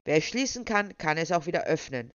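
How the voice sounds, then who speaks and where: A stubborn, self-righteous attendant, put on by the storyteller in a shrill falsetto, scolding a trapped man. The recording is dull and lo-fi, with a dry, close sound. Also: moderate pace, dry recording, natural voice. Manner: speaks in full falsetto, scolding. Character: stubborn indignant male official guarding a whale.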